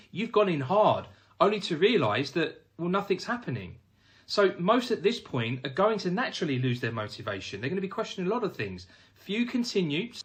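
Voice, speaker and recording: Lively, emphatic male finance trainer. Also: on the high side. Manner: emphatic, addresses viewers as "guys". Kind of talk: direct-to-camera instructional talk.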